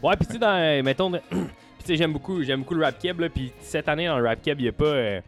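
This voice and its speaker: A man with a Quebec French accent, co-hosting a music podcast, enthusiastic but halting and quick to laugh. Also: on the high side. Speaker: podcast co-host. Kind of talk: casual music chat.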